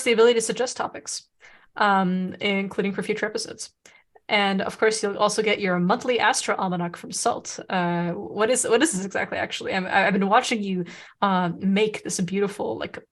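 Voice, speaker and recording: A woman from Serbia whose native language is Serbo-Croatian co-hosts a casual podcast, chatting with lots of fillers and restarts. Her voice is medium-pitched and steady in tone, moving a little fast.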